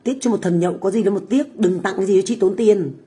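A medium-pitched, dark voice moves at a quick pace. It comes from a middle-aged Vietnamese woman who owns a food stall and livestreams from her kitchen at home abroad, where she talks casually with viewers, cursing and taunting them boldly.

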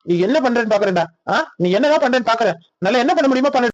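A boastful, quick-tempered cartoon husband fires off angry threats, voiced by a man. His voice is very high and rapid, with a Kanyakumari Tamil accent. The recording sounds dull and lo-fi. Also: expressive, no echo. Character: hot-headed young village husband, boastful. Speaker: voice actor in a village comedy cartoon. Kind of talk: comic cartoon voice acting.

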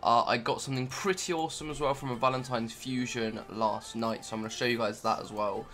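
A man's voice: mid-range voice, steady tone, a little fast, fairly bright tone. Rambling young man narrating gameplay. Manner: rambling, filler-heavy, offhand. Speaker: gaming YouTuber. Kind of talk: casual game commentary.

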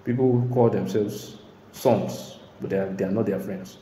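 A man preaching a sermon in an emphatic way, now and then bursting into shouts and laughter. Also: on the low side, steady tone, moderate pace, slight background noise. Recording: echoey hall.

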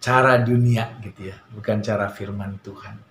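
A man preaching a sermon in a conversational way, often filling pauses and telling stories with animation. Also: on the low side. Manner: conversational preaching with many fillers; animated storytelling. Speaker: pastor. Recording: roomy echo, faint ambient noise.

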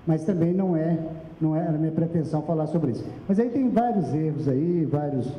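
A middle-aged man with a Brazilian Portuguese accent and a fairly high, brisk voice gives an emphatic explanatory presentation at a public accounting seminar, gesturing and directing the slide operator while holding a handheld microphone. He's in a small meeting room with an audience, recorded from afar so it sounds echoey and dull, with slight background noise.

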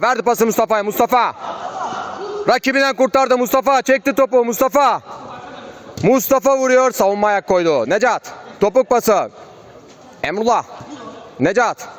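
A man's voice: high voice, lively intonation, moderate pace, pauses often. A man giving live play-by-play football commentary in short, clipped phrases, calling out player names. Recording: crowd and outdoor urban noise behind. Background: crowd at an outdoor match.

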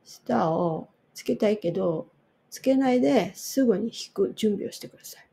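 A Japanese-speaking woman coaching English pronunciation, repeating each word slowly for drill. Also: mid-range voice, animated, vocal fry, warm tone, husky. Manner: slow, repeats words for drill. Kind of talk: pronunciation lesson.

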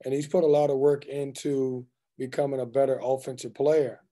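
A man's voice: medium pitch, level tone, normal speed, mellow. A man in his forties, a head basketball coach, answering reporters' questions at a postgame press conference over a video call, candid and joking. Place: indoors in front of a team backdrop. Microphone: video call webcam.

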